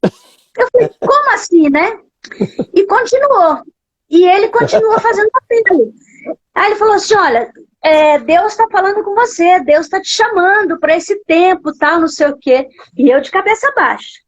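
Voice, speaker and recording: A woman pastor with a Brazilian Portuguese accent, appearing as a guest in a live interview, gives an emotional testimony as a story, her voice sometimes breaking. She speaks at a moderate pace in a very high voice with lively intonation. The live stream audio is dull and lo-fi.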